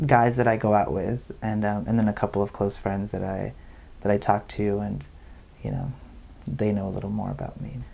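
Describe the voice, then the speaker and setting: Gravelly young man, casual. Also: lowish voice, mellow. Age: 20s. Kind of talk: documentary interview.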